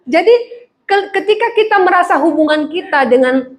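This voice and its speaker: A woman pastor preaches in a high voice. She keeps the sermon light and humorous, acting out little everyday conversations between people as she goes. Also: animated, normal speed. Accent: Indonesian, East Javanese. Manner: humorous, acts out everyday dialogues.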